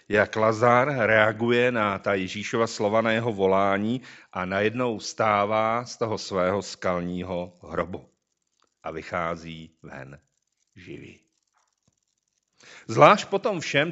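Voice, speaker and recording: A man's voice: on the low side, fairly bright tone, highs cut off. A man reading a scripture passage aloud and then preaching on it, drawing listeners in with rhetorical questions.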